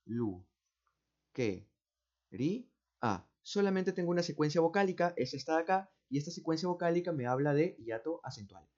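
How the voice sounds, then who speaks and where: A man with a Peruvian accent explains exam answers step by step, speaking slowly, repeating words and often checking with "¿no?" or "¿cierto?". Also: a little high, darkish tone. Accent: Peruvian Spanish. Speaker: teacher. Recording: dull, muffled audio.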